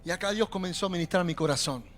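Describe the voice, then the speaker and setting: A young adult man preaching a sermon in a Rioplatense accent, animated and calling out to the congregation. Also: high-pitched, fast talker, slight background noise. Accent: Rioplatense Spanish. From Argentina. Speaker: pastor. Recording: faint music behind.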